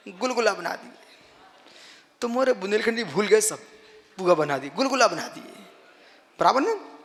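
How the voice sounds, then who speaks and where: A Jain monk preaching a sermon, emphatic and making the audience repeat after him. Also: male voice, sits high, a bit bright. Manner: emphatic, drills the audience in call-and-response. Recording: long hall reverb.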